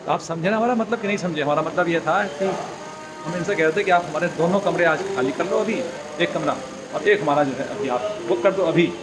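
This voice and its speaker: A man's voice: fairly high pitch, roomy sound. A man narrating a casual travel vlog, talking straight to his viewers as he films on a handheld phone. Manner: chatty, addresses viewers directly. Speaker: travel vlogger.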